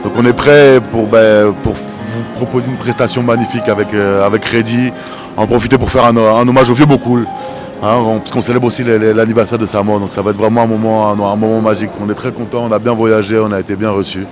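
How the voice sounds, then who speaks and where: A middle-aged man from Paris, a drummer, answering interview questions in a warm, easygoing way. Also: lowish voice, flat delivery, quick pace. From Paris, of Cuban descent. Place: busy train station. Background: music.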